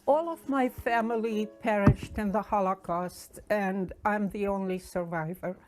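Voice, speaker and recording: Eighties woman, documentary interviewee, halting and emotional delivery. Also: mid-range voice, noisy background. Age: 80s. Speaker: Holocaust survivor interviewee.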